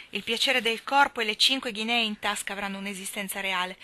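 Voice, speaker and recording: A woman reading the lines of a dry, scornful old rich Englishman in a slow, measured, disdainful way. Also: medium pitch, pushed and bright.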